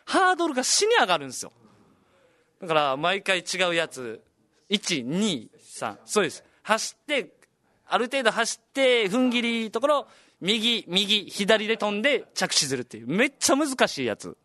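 A young Okinawan man with a high, bouncy voice that swings all over its range, talking as a comedian and radio host. He tells his stories in a casual, chatty way, animated and laughing along. The sound is close and dry. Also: normal speed, no echo. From Okinawa, Japan. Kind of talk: casual storytelling chat.

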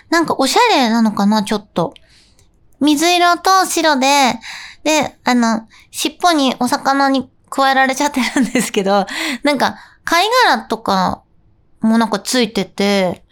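A young woman with a high, bright-sounding voice hosts a casual radio segment. She talks in a bubbly, playful, chatty way. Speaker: radio host and live streamer. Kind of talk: casual radio chat with quiz.

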